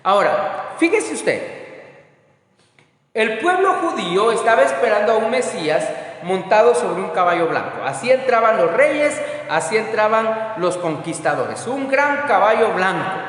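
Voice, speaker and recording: High-voiced preacher in an echoey hall. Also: male voice, sing-song, a little slow. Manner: preaching with sudden loud rises and soft drops. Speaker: pastor. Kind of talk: Bible study sermon. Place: church.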